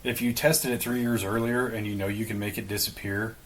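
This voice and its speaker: A man's voice: lowish voice, fairly even intonation, a little fast, a little hiss or hum, poor audio. A man co-hosting a podcast, casually explaining a story with some swearing and speculation. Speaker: podcast co-host. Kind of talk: casual conversation.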